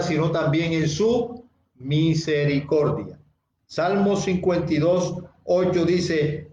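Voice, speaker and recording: Slow, higher-voiced pastor preaching in echoey room. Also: male voice, a little mellow, lo-fi sound, slight background noise. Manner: slow and deliberate, repeating key phrases and addressing listeners directly. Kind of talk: sermon.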